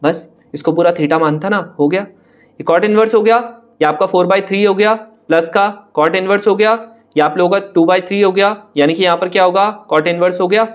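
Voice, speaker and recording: A young man with a high, bright voice teaches maths in an online exam-prep lesson, working through problems step by step. Brisk and chatty, he talks directly to the students and mocks hard-looking questions with a teasing laugh in his voice.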